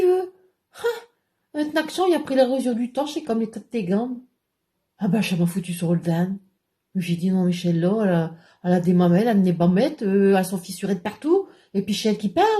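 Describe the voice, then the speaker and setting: A woman's voice: medium pitch, warm tone, lightly acted. A woman playing a chatty, gossiping village woman in a rambling comic monologue that keeps dropping into confiding whispers. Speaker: comic segment character.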